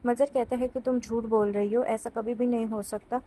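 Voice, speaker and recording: A woman giving a scripted, steady retelling of a drama episode as a recap narrator. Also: fairly high pitch, rough recording. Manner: even, steady retelling of scenes.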